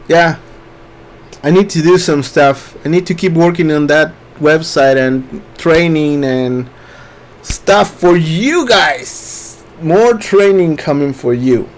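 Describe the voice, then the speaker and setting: Slow-talking male live-stream host. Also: on the high side. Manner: relaxed, reads chat questions aloud, many fillers. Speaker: webinar host.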